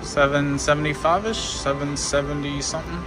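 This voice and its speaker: In a low-quality recording from a busy casino with loud machine music, a man coaches his friend at a slot machine for his vlog, counting along and spurring the game on in brief, casual bursts. He speaks at normal speed with a flat delivery and a voice on the high side.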